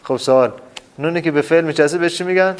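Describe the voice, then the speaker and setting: During a lesson before his students, a man with a somewhat raised voice repeatedly puts questions to the class and frequently supplies the answers himself. His manner is emphatic as he hammers key terms out loud.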